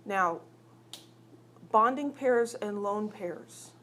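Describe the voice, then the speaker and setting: A woman with a mid-range, somewhat bright voice draws out her words while lecturing a chemistry class on a recording. She teases and chats, posing questions to students as she goes through examples.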